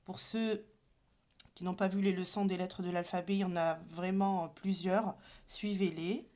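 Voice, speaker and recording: Woman teacher, unhurried, patient, walks through letters one by one while writing. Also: fairly low pitch, fairly even intonation, mellow. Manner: patient, spells out each letter and sound. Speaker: Arabic teacher. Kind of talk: slow step-by-step lesson.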